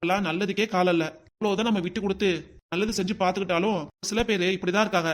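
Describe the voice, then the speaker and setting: A man's voice: sits high, fairly even intonation, rapid-fire, lightly acted. A man voicing a stern older village father-in-law in a cartoon, scolding and lecturing his family.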